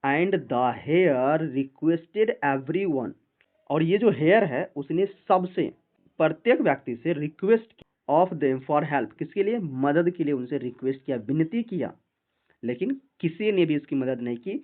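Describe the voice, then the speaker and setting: Guy teaching english reading, reads slow then explains in hindi, bouncy up-and-down voice, tinny phone-like sound. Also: fairly high pitch, lively intonation.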